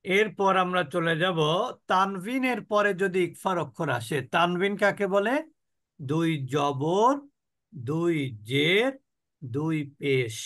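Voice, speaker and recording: A man from Bangladesh with a Bangladeshi Bengali accent teaching a Quran recitation class online, explaining rules, asking and answering his own questions, and drawing out sounds slowly for students to repeat. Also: sits high, fairly bright tone. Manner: asks the class questions and answers them himself. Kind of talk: online tajweed lesson with slow recitation drills.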